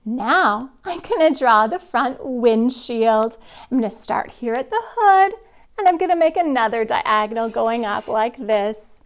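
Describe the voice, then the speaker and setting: A woman with a high voice speaks as a kids show host for kindergarteners. She gives step-by-step instructions very slowly, with simple encouraging prompts for the children. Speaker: children's drawing and spelling teacher.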